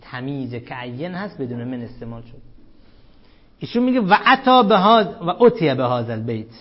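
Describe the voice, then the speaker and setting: A man teaching Arabic grammar in a classroom lecture, quizzing his students and chanting Arabic text slowly. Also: mid-range voice, big pitch swings. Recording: dull lo-fi classroom recording.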